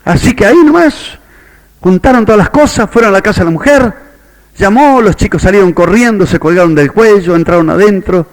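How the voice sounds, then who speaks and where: High-voiced Rioplatense pastor telling a story. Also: male voice, brisk. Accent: Rioplatense Spanish. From Argentina. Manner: storytelling, quoting characters in lively voices. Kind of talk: sermon.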